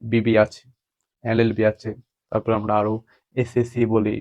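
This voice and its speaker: A man's voice: lowish voice, monotone, moderate pace, a little mellow. A man teaching a grammar lesson, asking questions and answering them himself.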